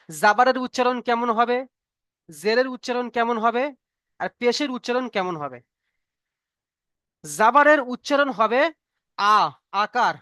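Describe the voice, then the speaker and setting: Heard in a clean, dry studio recording, the man's very high voice has a sharp yet clean tone. He teaches Arabic reading online as a Quran teacher, going over each point again and again with patience and repeatedly asking if everyone has followed.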